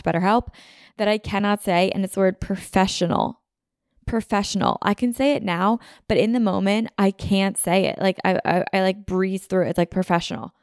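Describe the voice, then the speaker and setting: Her smooth, mid-range voice comes through at studio quality with no echo, recorded on a podcast mic on video in an apartment room. She's a young podcast host from the Philadelphia suburbs in the USA, rambling casually, interrupting herself, saying "like" a lot, and a bit sniffly from a runny nose.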